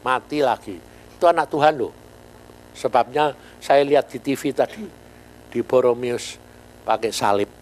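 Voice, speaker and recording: A man's voice: mid-range voice, moderate pace, pauses often, a little hiss or hum, poor audio. An older man preaching a sermon in with a lilt, telling stories animatedly and often asking the congregation questions. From Indonesia. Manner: animated storytelling, jumps to near-shouts, asks the congregation questions. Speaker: pastor.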